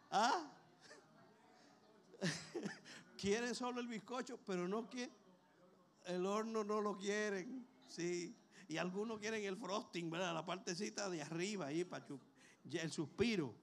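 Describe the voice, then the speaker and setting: A man's voice: sits high, lively intonation, slow pace, long pauses, fairly bright tone. A man preaches a sermon. He talks in a conversational, storytelling way, tossing rhetorical questions at the congregation.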